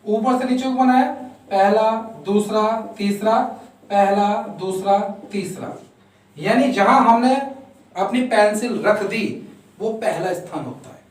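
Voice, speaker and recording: A man's voice: high voice, a little slow. A man teaching a shorthand lesson step by step, counting out strokes and answering his own questions. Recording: very echoey room, voice far from mic.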